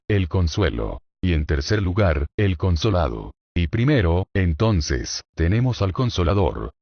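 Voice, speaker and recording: A sermon reader with a very deep, low voice speaks in a solemn, declaiming manner, using rhetorical questions to build his points. The lo-fi recording sounds dull and has no room reverberation.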